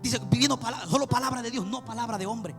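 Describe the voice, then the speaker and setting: Preacher, male, high tenor, gravelly edge, quick delivery, soft music underneath, fervent and repetitive. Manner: fervent, repetitive, addresses listeners as beloved brother. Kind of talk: sermon.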